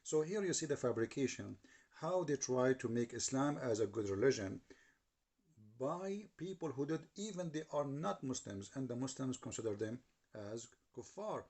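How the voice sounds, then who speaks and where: A man's voice: mid-range voice, lively intonation, normal speed, darkish tone, breathy edge. A man giving argumentative commentary, translating clips and challenging what they say. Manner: repeats and restarts while translating, challenging tone.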